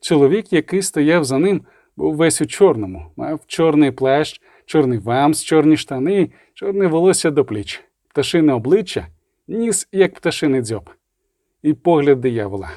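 Man narrating an audiobook, mellow tone. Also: a little high, animated, normal speed, no room sound, studio quality. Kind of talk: scripted narration.

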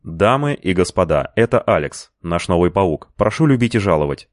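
A man's voice: low voice, very animated, moderate pace, no echo, clean studio sound. A man reading as a brutal crime boss. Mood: commanding. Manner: threatening, barking orders. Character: violent ruthless male crime boss. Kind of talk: audiobook character reading.

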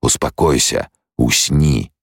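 Deep-voiced guy as a calm loyal guardian, very low and gravelly, quiet and steady. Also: slow pace, dry recording, clean studio sound, full character voice. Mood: measured. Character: calm, loyal male mentat guardian, reserved.

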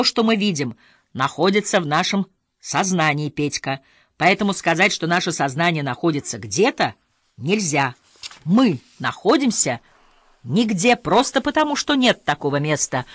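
A woman reading the lines of a brash male Red Army commander who teaches like a Zen master, loud and didactic. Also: low-pitched, no echo, studio quality.

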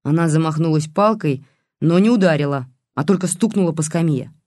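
An audiobook narrator reading a novel in a lively scripted narration. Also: medium pitch, brisk, no echo, studio quality.

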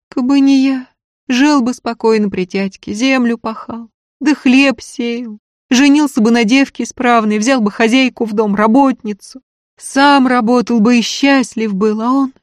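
A woman's voice: fairly high pitch, a little mellow, no echo, clean studio sound, pitched above the performer's own voice, lightly acted. A woman voicing a tearful, self-blaming young peasant woman who talks in plaintive, folksy village speech.

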